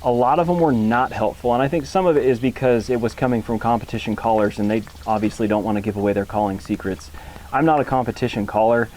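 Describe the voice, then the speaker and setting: A man's voice: mid-range voice, fast, a little mellow, a little hiss or hum. A man giving a casual hands-on tutorial as an instructor, speaking in a plain, folksy, informal way. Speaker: instructor, duck hunter.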